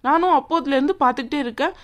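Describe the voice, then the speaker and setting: A woman voicing a haughty young bride in a cartoon, sharp and sneering as she bosses others around. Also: sits high, very fast, natural voice. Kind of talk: cartoon voice acting.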